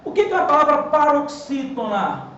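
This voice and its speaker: A man with a Brazilian accent teaching a lively grammar lesson at a whiteboard. He asks questions and answers them himself, and stresses key words. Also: very high voice, normal speed, roomy sound, dull audio, slight background noise. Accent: Brazilian Portuguese. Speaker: Portuguese teacher.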